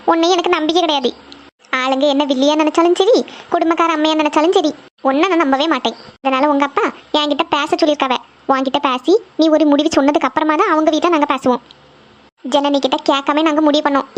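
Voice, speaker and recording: A woman's voice: high-pitched, muffled recording, lightly acted. A woman voicing a strict middle-aged mother, scolding and lecturing her daughter.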